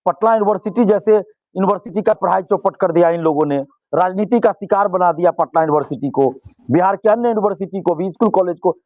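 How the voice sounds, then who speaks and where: A man's voice: sits high, fairly quick, dry recording, highs cut off. A male student leader, giving impassioned interview answers and repeating phrases for force.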